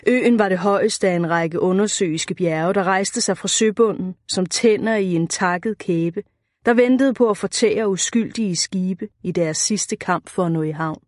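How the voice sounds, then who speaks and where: A woman's voice: medium pitch, darkish tone, no echo. Dry, close woman narrating an audiobook.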